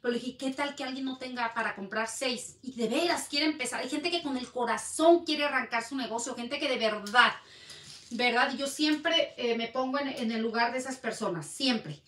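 A woman's voice: high-pitched, normal speed, a bit bright. A woman with a Mexican accent, chatting casually to viewers while selling handbags and often talking in circles. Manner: chatty, rambling, addresses viewers directly. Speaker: online bag seller. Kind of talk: casual sales live stream. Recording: echoey room, mic at a distance.

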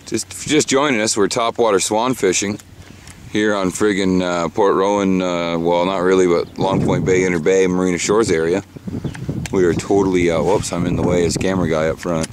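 Out on a small fishing boat in a marshy bay, a fishing vlogger chats casually to the camera, cracking jokes and swearing freely. His voice is low-pitched and steady, at a moderate pace, against a noisy background.

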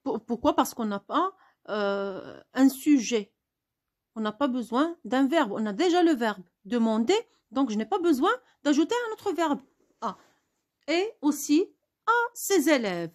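A woman's voice: high-pitched, animated, a little slow. A woman teaching a spelling lesson, spelling words out letter by letter and asking questions she answers herself.

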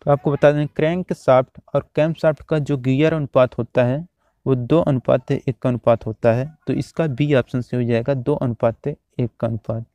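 A man teaching, reading out quiz questions and their options one by one, then repeating each answer in a steady drill. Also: medium pitch, normal speed, no room sound. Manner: steady, repetitive exam-drill delivery.

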